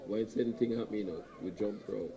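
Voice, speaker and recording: A man's voice: lowish voice, fast, creaky, a crowd in the background. A man with a Jamaican accent hosting a wake, repeating his words and slipping into patois. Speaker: master of ceremonies at a wake. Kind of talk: casual ceremony hosting. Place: outdoor wake gathering.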